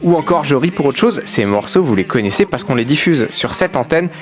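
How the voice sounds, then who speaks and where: A man's voice: on the high side, animated, brisk, soft background music. A man hosting a radio interview, asking friendly, conversational questions. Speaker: radio host.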